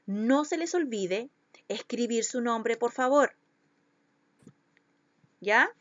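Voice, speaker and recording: A woman's voice: on the high side, animated, slow pace, fairly bright tone, no room sound, lo-fi sound. A woman schoolteacher, giving a recorded lesson to children and patiently stretching out syllables to show where the stress falls.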